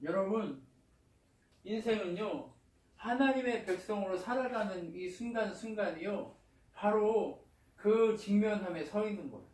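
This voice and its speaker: A male pastor preaching a sermon in a church, lively and colloquial, often asking the congregation questions. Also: sits high, measured pace. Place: church sanctuary. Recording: echoey church hall, distant mic.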